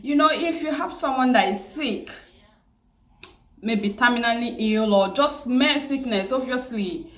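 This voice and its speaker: A grieving woman with a Nigerian accent, from Nigeria, telling a personal story at home in a halting, tearful way, repeating words and restarting often. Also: a little high. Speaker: vlogger. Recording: roomy echo.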